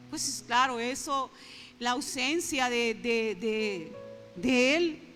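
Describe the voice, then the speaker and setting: A woman's voice: high voice, bright, forceful tone. A middle-aged woman preaching an earnest, conversational sermon in church, speaking straight to the congregation and slipping into fervent prayer. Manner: earnest, addresses the congregation directly; emotional, breaks into fervent prayer. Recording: reverberant church hall with faint instrumental music.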